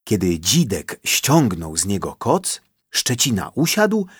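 Expressive, slow male storyteller. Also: lowish voice, slightly rough, no echo, clean studio sound. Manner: expressive, drawn-out. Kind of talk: children's story reading.

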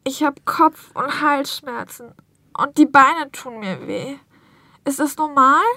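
Woman playing a sick female patient, high-pitched, plaintive, worried, clearly articulated, dry sound, scripted lesson dialogue. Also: takes it slowly, pushed and bright, no echo, heavily acted. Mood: unwell, plaintive. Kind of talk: scripted language-learning dialogue acting.

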